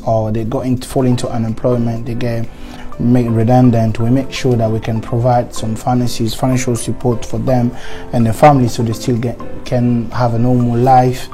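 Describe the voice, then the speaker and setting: A man from Congo, explaining his financial advice work in an interview in a steady, salesman-like way. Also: mid-range voice. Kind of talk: interview answers.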